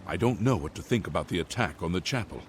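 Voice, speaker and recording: A man's voice: sits low, animated, fast, a little hiss or hum. A man voicing a gossipy town guard in a video game, speaking in an insinuating, suggestive way. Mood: sly.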